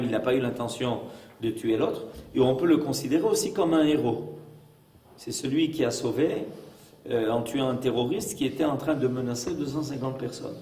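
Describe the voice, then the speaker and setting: A man's voice: mid-range voice, darkish tone. A man as a rabbi giving a religious lesson, emphatic and full of rhetorical questions. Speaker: rabbi teaching a class. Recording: echoey room, mic far off.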